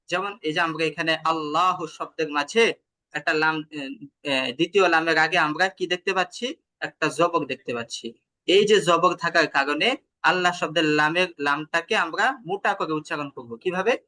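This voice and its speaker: A man teaching tajweed in an online class with a Bangladeshi Bengali accent, explaining patiently, asking questions and chanting examples slowly. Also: fairly high pitch, pushed and bright. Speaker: Quran recitation teacher.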